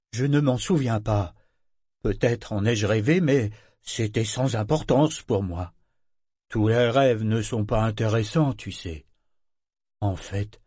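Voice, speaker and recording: A man voicing a brooding, wary male figurehead of a living ship in an audiobook, raised in pitch and speaking with tense, evasive replies. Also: mellow, no echo, clean studio sound.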